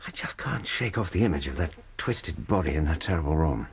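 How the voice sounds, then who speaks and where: An actor playing a weary, decent Victorian army doctor in a British radio drama, with an English accent and a polite, hesitant, understated manner. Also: male voice, very deep voice, animated, brisk, breathy edge, heavily acted. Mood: troubled.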